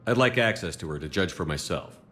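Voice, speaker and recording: An actor playing a stern military space commander in a video game, firm, clipped and authoritative. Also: male voice, low-pitched, lively intonation, fairly quick, a bit bright, slight background noise. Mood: businesslike. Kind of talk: video game dialogue acting.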